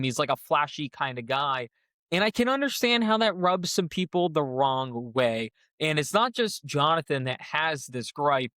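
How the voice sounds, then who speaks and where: A man co-hosting a casual reality-show recap, talking through events in a measured, analytical way. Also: on the high side, a bit bright, dry recording, studio quality. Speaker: podcast co-host.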